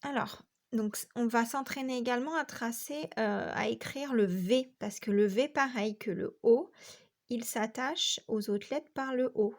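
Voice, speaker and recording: Slow, patient high-voiced woman teacher. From France. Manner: patient, step-by-step, counting strokes aloud. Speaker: primary school teacher. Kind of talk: handwriting lesson for children.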